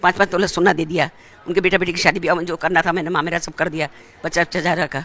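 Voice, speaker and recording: An older woman living in an old-age home, from Dhar district in Madhya Pradesh, answers an interviewer very quickly and at length, filling her replies with details about family and money. Her voice is lowish, level and a bit bright.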